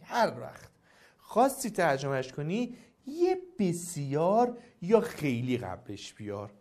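معلم مرد پرانرژی با صدای زیر. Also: male voice, high voice. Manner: lively, coaxing, quizzes students. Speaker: Arabic grammar teacher. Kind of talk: classroom lesson.

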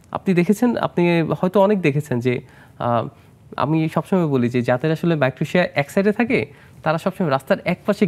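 A Bangladeshi plastic surgeon appears as a guest on a studio health interview, explaining treatments in a fairly high, darkish-toned voice. He sprinkles English medical terms through his explanations and puts questions to the host.

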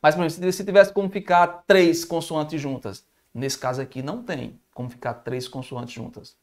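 Brazilian guy teaching math on a livestream, higher voice, chatty, reads out comments. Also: steady tone, moderate pace. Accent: Brazilian Portuguese. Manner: informal, thinks aloud, reads viewer comments. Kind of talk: live-streamed math review lesson.

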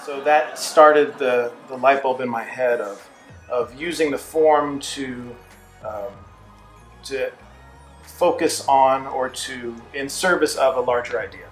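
A middle-aged man talks thoughtfully and haltingly in an interview. The room is echoey, with faint music underneath. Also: medium pitch. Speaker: ventriloquist being interviewed. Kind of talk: reflective interview chat. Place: small theatre dressing room.

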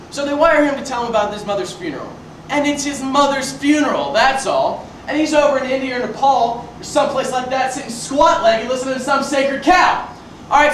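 A student performer in a school variety show plays a ranting barfly spinning a rambling tall tale in a comedy sketch, cutting himself off mid-story and building to shouts. His very high voice is heavily acted, and the recording is noisy, captured from a distant mic in an echoey school auditorium.

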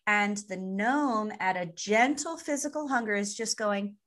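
Bright animated woman co-hosting a podcast. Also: mid-range voice, a little slow. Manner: animated, playful teaching with vivid analogies. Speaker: podcast co-host. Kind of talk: casual explanatory chat.

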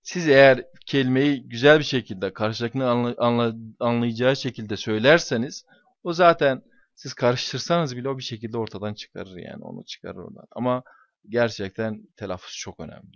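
A man's voice: mid-range voice, brisk, no echo, dull audio. A man teaching English to his students, explaining exam questions and stressing points by repeating key words.

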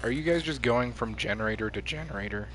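A man's voice: medium pitch, quick pace, a bit bright, rough recording. A man streaming a game, chatting casually with friends, joking and swearing as he plays. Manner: joking, swearing, playful trash talk. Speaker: gaming streamer. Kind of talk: casual gameplay chat.

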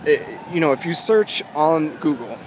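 A man, giving casual advice in a halting, emphatic way as he vlogs outdoors. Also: fairly high pitch, lively intonation. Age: 20s. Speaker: guitar vlogger. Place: outdoors walking along a city street. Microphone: phone at arm's length, wired earbuds in. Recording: loud wind and street noise on phone mic. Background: wind, traffic, urban ambience.

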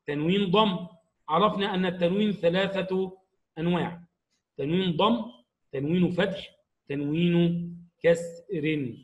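High-voiced man teaching a grammar lesson. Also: lo-fi sound. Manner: slow, explanatory, stresses each example word. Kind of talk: grammar lesson for young pupils.

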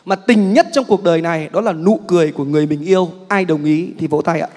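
A man's voice: a little high, fast, a loud crowd, very noisy. A male master of ceremonies introducing a sketch with rhythmic, rhetorical wordplay on a theater stage. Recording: reverberant hall with audience.

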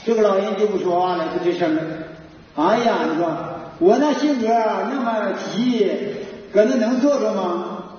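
A man's voice: high-pitched, normal speed. Older man, Northeastern Mandarin accent, folksy storytelling lecture, distant and dull, long hall reverb. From Northeast China. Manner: folksy storyteller, acts out dialogue. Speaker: folk moral lecturer.

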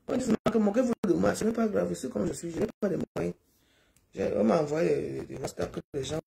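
Gravelly woman rambling on a live stream. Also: low-pitched, mellow. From Cameroon. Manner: rambling, pleading, repeats herself.

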